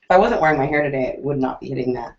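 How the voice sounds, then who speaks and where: A woman co-hosting a casual TV recap chat, animated, jokey and opinionated. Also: very deep voice, rapid-fire. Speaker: co-host. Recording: roomy, dull lo-fi recording.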